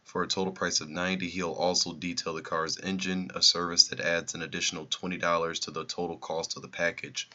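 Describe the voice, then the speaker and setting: A man's voice: low-pitched, little pitch movement, brisk, few pauses, pushed and bright, lo-fi sound. A man who is losing his voice, explaining exam problems in a recorded review lesson and repeating the key numbers.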